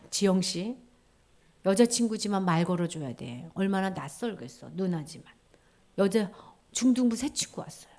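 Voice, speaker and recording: A woman giving a children's sermon in a church, animated, acting out little voices and dropping to a whisper for key points. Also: mid-range voice. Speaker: children's ministry teacher.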